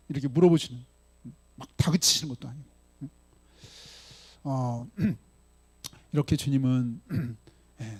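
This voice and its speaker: A man's voice: fairly high pitch, warm tone. A male pastor preaching a sermon in a casual, conversational way, often checking in with the congregation. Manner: voices his own lines for Jesus in dialogue.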